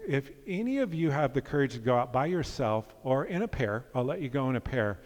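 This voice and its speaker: A man as a pastor, preaching a sermon in an earnest, conversational way with playful asides, in a church sanctuary. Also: fairly high pitch. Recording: long hall reverb.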